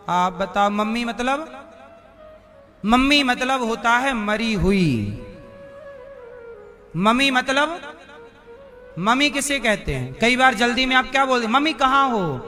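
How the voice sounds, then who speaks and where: A man's voice: very high-pitched, pushed and bright. A man preaching a devotional sermon, often questioning the audience and chanting verses. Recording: live hall with music behind.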